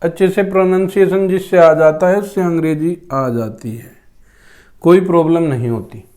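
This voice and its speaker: A man's voice: on the high side, normal speed, darkish tone. A male English teacher with a sore throat, giving a spoken lesson to students and repeating each word several times. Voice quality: clears throat often.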